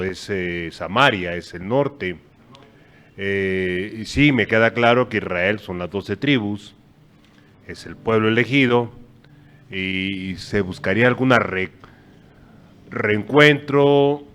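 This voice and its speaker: Slow, low-voiced man thinking aloud. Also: a bit bright. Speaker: Bible study participant. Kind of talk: asking a question in a study group.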